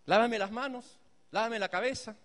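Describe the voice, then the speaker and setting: A man's voice: high-pitched, moderate pace, in a large hall, close to an everyday voice. A man voicing an impetuous, know-it-all apostle in a sermon, pressing his own ideas. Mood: insistent.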